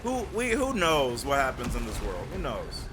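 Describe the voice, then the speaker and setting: A man's voice: medium pitch, huge pitch swings, normal speed, heavy background noise. A man giving casual, slangy live gaming commentary and chatting with his viewers. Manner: slangy, repetitive, easygoing banter. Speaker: game livestreamer. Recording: music behind the voice.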